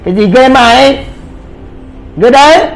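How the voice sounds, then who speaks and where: A man's voice: extremely high pitch, lively intonation, a little slow, creaky, soft background music. A man giving brash live commentary on a game he is playing, swearing and trash-talking his teammates. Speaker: gaming streamer.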